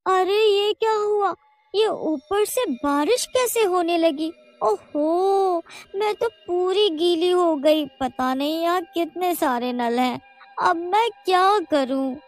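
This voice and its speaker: High shrill cartoon village wife always freaking out, a woman putting her on, slow wordy delivery. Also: no echo, soft background music. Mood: panicked. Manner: shrill, exclaiming, easily frightened. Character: excitable, panicky young village wife.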